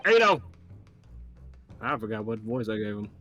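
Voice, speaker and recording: A man with a middling pitch chats casually through a game. He jokes and swears as he comments, with faint music behind. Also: flat delivery, normal speed.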